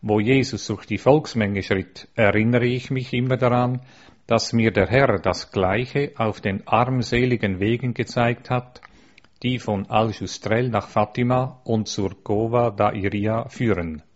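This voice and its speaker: A man earnestly reading aloud a religious eyewitness account, measured and steady, with a few small stumbles. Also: on the low side. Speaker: narrator. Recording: dull lo-fi recording.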